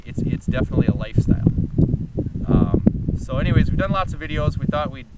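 A man's voice: mid-range voice, very animated, fast. A man in his forties, a farmer, talking casually to a phone camera outdoors in a field, folksy and rambling with many fillers. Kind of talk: casual vlog introduction. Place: outdoors in a farm field beside draft horses. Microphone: phone camera a few steps away. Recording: distant, dull phone audio with loud outdoor noise.

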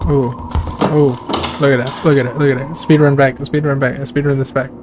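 A man's voice: mid-range voice, flat delivery, a little fast. A man streaming his first playthrough of a horror game, swearing, trash-talking and reacting to scares as he plays. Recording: noticeable background noise.

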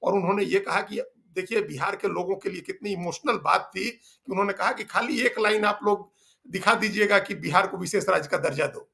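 A man with a high, gravelly voice analyses political news in a discussion. His tone is bright and sharp, and he explains emphatically, repeating phrases for weight. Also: a little fast. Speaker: political journalist.

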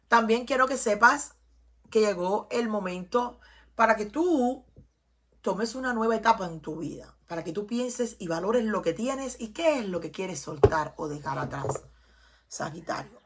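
A woman's voice: medium pitch, lively intonation, measured pace, pauses often, slightly rough. A Cuban woman with a Cuban Spanish accent giving an emphatic, preachy tarot reading to her viewers, often repeating herself. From Cuba. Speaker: tarot reader.

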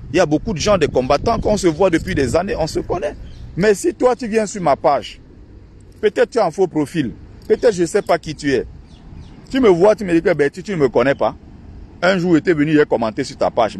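There's slight background noise as a darkish-voiced man, an online activist, records an outdoor vlog by a park lake. He mocks and rails indignantly at his followers' benefit, his pitch shifting quickly.

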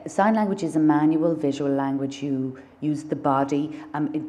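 Speaking in a very low, mellow voice, a female artist from Ireland in her thirties joins an onstage public conversation from a gallery lectern in a darkened lecture hall. Her manner is thoughtful, with many fillers and restarts, and she gestures with her hands.

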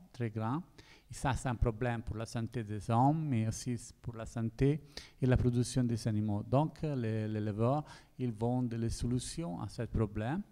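A man in his forties with a foreign Italian accent in French, presenting at a round table and haltingly repeating small words as he searches for the next. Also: mid-range voice, dark tone. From Italy. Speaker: university researcher, panel speaker. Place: stage of an indoor conference hall. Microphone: handheld microphone.

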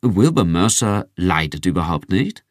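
A man's voice: deep voice, sing-song, a little slow, no room sound, studio quality. A man reading an audiobook, voicing a friendly, showy male television host with a genial announcer tone.

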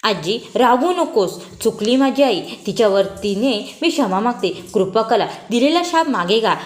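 A woman's voice: fairly high pitch, animated, moderate pace, echoey room, lightly acted. A woman voicing an earnest, humble young princess who pleads for forgiveness. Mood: pleading.

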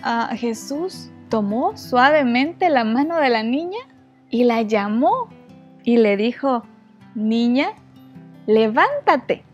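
Female children's storyteller, high bright voice, expressive and gentle, soft music under. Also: slow pace, muffled recording.

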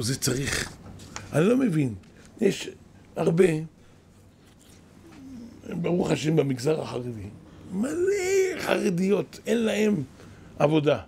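Gravelly older man giving a sermon. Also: a little high, pauses often, a little hiss or hum. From Israel. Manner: animated, exclaiming and lamenting, storytelling. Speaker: kabbalist rabbi, yeshiva head. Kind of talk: weekly Torah lesson, sermon. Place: yeshiva study hall.

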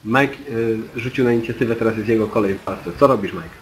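A man's voice: fairly low pitch, quick pace, a little hiss or hum, poor audio. A man acting as game master, steadily explaining dice rules and turn order to the players. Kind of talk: running a tabletop game.

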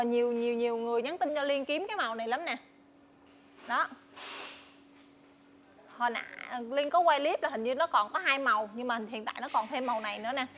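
Young southern vietnamese woman doing a chatty sales walkthrough, high voice, some warehouse noise behind her. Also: a bit bright. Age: young adult. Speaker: motorbike shop saleswoman presenting stock. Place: large tin-walled motorbike warehouse. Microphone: clip-on lapel mic.

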